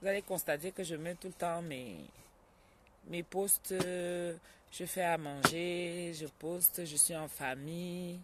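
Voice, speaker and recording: A woman hosting a casual live stream from home, chatting with viewers, greeting them by name and breaking off to calm a child. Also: fairly low pitch, takes it slowly, very noisy.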